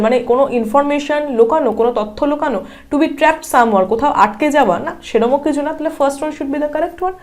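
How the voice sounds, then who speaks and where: Woman teacher, high voice, exam-prep lesson, step-by-step explanations, rhetorical questions, slow deliberate reading of options. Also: darkish tone. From India. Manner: reads English answer options slowly and deliberately.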